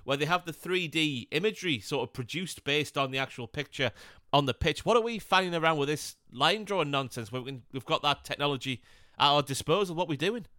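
A man co-hosting a football podcast, talking in a blunt, casual way with plenty of swearing. His voice is bright and smooth. He is recorded close on a dry mic. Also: fairly high pitch, lively intonation, brisk, dry recording. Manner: blunt, swears casually, slips into mocking impressions. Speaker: podcast co-host.

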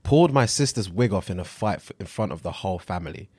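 A man's voice: low-pitched, animated, fast, darkish tone, slightly rough, no room sound, clean studio sound. A man with a London roadman accent and street slang, hosting a casual chat and reading out short confessions. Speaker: podcast host.

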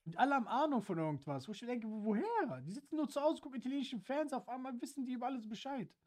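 Lively joking man. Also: extremely high pitch, rapid-fire. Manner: lively, emphatic joking banter. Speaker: podcast guest. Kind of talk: casual chat.

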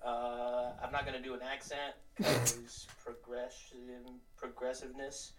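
A man with a mid-pitched voice introduces his role at a tabletop game, pausing with fillers. He laughs at his own slips as he goes. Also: level tone, poor audio. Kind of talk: casual chat while playing a tabletop game.

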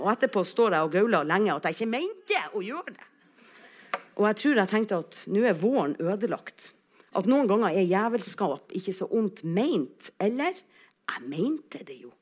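Lively, expressive woman telling a story. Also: lowish voice. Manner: animated, acts out quotes with big shifts in loudness. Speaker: actress. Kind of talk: personal storytelling monologue.

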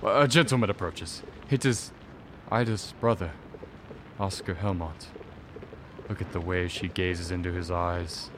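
A man playing a tormented Victorian gentleman. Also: sits low, noisy background. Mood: brooding. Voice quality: theatrical, declamatory. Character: Victorian gentleman Arthur, tormented lover turned furious husband. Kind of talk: radio drama acting.

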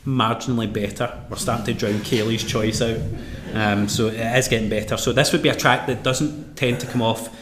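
Scottish man, podcast host, mid-pitched voice, quick joking banter, roomy recording. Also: steady tone. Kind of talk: live podcast interview. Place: room at a live event. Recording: echoey room, faint noise.

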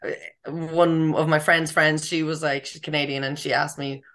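A young woman with a low voice and a west of Ireland accent. She chats casually as a guest, in an informal, slangy way, and swears freely. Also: flat delivery, moderate pace, fairly bright tone. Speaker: interview guest, comedian. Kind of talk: casual chat.

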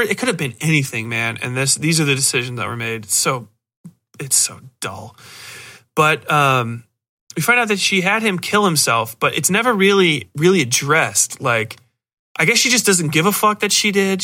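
A man with a mid-range, sharp-toned voice hosts a podcast where he reviews horror films. His casual, rambling take is blunt, profane and sardonic, peppered with exasperated asides.

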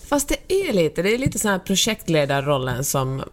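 A woman's voice: deep voice, very animated. A woman co-hosting a casual podcast, dry and teasing, making her points in a matter-of-fact way. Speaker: podcast co-host. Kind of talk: casual chat.

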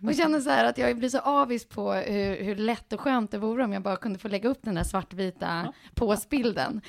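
Gravelly woman telling stories. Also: sits high. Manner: animated storytelling, laughs a lot; mixes English words into Swedish. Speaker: podcast co-host. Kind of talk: casual chat.

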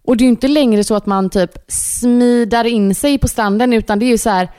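A Swedish woman in her thirties co-hosting a podcast, telling an animated story in casual chat and acting out her own panicked lines. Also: fairly high pitch, clean tone, no room sound, clean studio sound. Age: 30s. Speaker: podcast co-host.

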